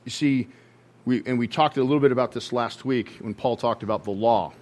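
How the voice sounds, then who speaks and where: A man's voice: medium pitch, brisk, darkish tone. A man, a pastor, preaching an earnest sermon to his church and often repeating words as he restarts his sentences.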